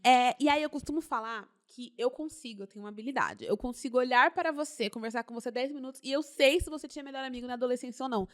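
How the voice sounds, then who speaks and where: Brief: young woman, podcast co-host, lively and laughing, higher pitch. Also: fast talker, hardly any pauses. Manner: animated, laughs often, repeats words for emphasis. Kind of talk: casual podcast chat.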